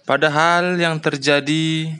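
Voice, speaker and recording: Male host, slightly high-pitched, giving a plain farming lesson with frequent fillers. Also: flat delivery, slow, sharp tone, clean tone. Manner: addresses farmers as "Bapak Ibu", frequent "ya" and "namanya" fillers.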